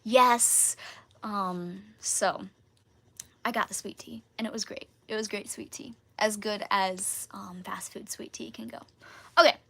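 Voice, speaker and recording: A woman's voice: medium pitch, steady tone, a little slow, gravelly, a bit bright. A woman, chatting casually in a live Q&A with lots of fillers and giggles. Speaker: YouTuber answering viewer questions.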